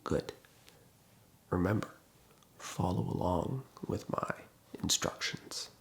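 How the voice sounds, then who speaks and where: A man in a hushed, breathy ASMR whisper, gently giving guided relaxation instructions with many pauses. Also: low-pitched, lively intonation. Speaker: ASMR host.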